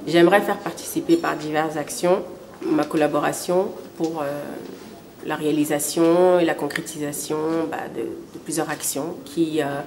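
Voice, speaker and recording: A woman's voice: deep voice, steady tone, moderate pace, noisy background. Young woman, Cameroonian, aspiring model. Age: 20s. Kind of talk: interview testimony.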